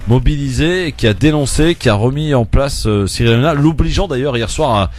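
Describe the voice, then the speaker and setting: A man hosting a casual radio talk show, asking guests lively, teasing questions with many fillers. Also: medium pitch, a little fast, a little hiss or hum.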